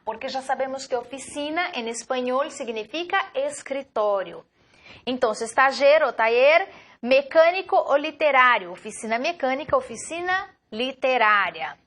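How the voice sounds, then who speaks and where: Woman teaching vocab, high voice, takes it slow, mixes two languages. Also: bright, forceful tone. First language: Portuguese. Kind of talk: slide-based vocabulary lesson.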